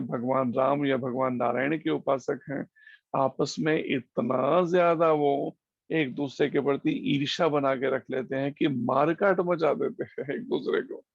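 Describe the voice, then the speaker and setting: A man giving a slow, explanatory devotional scripture class over an online call, using homely examples. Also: mid-range voice, creaky, no echo, lo-fi sound. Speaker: preacher.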